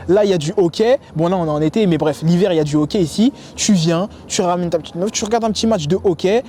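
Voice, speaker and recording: A young man raised in the U.S. offers dating tips to the camera from a sports complex, sounding lively, slangy, and off-the-cuff. He talks fast in a high voice, with a bit of noise in the background.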